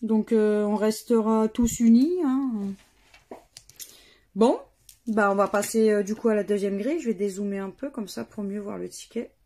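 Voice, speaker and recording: A woman casually commenting as she scratches lottery tickets, reading out letters and words in a slow murmur that often drops to near-whispers. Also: mid-range voice, fairly even intonation, warm tone. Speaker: scratch-card vlogger.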